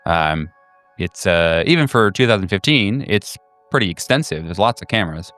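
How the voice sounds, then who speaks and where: A man improvising tabletop game narration as game master, halting as he searches for words. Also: low voice, lively intonation. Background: soft music.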